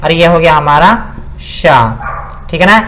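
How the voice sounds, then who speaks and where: A man with a high, light voice explains pronunciation as a teacher would. He speaks, sounds out syllables one at a time, and keeps checking that his listeners are following. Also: a bit bright, a little hiss or hum. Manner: repeats "ठीक है ना" and sounds out syllables slowly. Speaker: Sanskrit grammar teacher. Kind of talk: spoken lesson explaining pronunciation.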